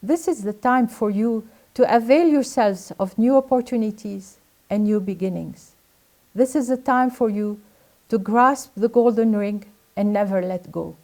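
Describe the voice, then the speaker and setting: A woman's voice: medium pitch, a little slow, warm tone. An older woman from Lebanon delivering a formal, earnest graduation speech that urges her listeners on. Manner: earnest, exhorting. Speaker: graduation speaker.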